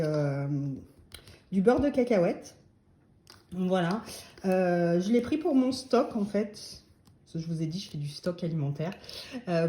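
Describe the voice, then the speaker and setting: A woman's voice: mid-range voice, warm tone. A middle-aged woman chatting casually about her shopping, hesitant and full of fillers, often laughing at herself. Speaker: vlogger. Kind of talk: casual haul vlog chat. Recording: echoey room with faint noise.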